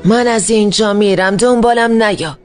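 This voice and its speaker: A woman's voice: mid-range voice, faint music behind, natural voice. A woman dubbing a stern, hostile older aunt who scolds and warns in a cold voice. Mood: scolding. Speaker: dubbing actor. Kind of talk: dubbed TV drama.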